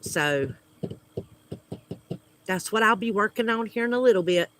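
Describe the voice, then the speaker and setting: Outdoors at his home, an American homesteading host with a Southern accent and a high, bright voice makes friendly small talk with livestream viewers. His delivery is slow and expressive, and he hesitates often, filling gaps with fillers.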